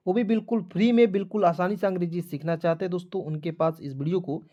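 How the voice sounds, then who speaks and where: A man's voice: high voice, steady tone, quick pace, dark tone, lo-fi sound. A man giving a step-by-step online spelling lesson, often checking in with his viewers and repeating each step. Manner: repetitive, addresses viewers as friends, checks with "ठीक है". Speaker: online English tutor.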